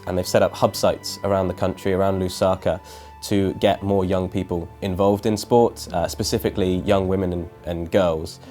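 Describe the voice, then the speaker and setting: A man with a deep, slightly mellow voice works as an interviewer, asking questions and giving a scripted introduction in a prepared, informative manner.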